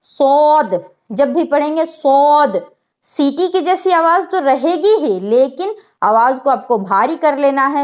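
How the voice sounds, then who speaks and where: A woman, teaching a spoken lesson on Quran letter sounds, patiently explaining and modeling each sound aloud. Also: sits high. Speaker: online Quran recitation teacher.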